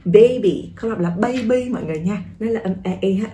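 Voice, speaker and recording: A woman from Vietnam teaching English through a song, repeating words slowly and coaxing learners to say them with her. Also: medium pitch, a crowd in the background. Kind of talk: song-based pronunciation lesson.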